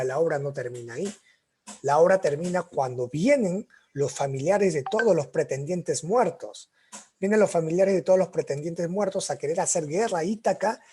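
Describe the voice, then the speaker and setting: A man's voice: on the high side, dark tone, a little hiss or hum. A young man with a Peruvian accent lecturing a literature class, retelling stories with quoted voices and checking in with tag questions after most phrases. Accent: Peruvian Spanish. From Peru. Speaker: literature teacher.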